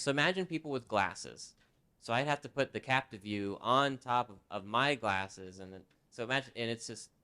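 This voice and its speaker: A man working as a sign language interpreter, speaking a presenter's signed talk aloud in the first person, conversational and lively. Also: medium pitch, smooth.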